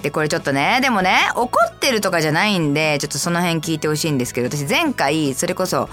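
A woman radio host from Kansai, speaking standard Japanese with a light Kansai accent, chatting casually and answering listener letters in a lively, playful way. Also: quick pace, soft background music. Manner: chatty, animated, jumps to high playful asides. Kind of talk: casual solo radio talk.

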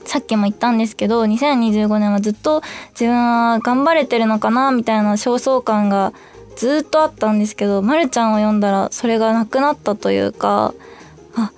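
A woman's voice: fairly high pitch, brisk, a little mellow, faint music behind. A young woman hosting her own radio show, chatting casually and bubbly on her own, acting out little quotes as she goes. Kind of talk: casual solo free talk.

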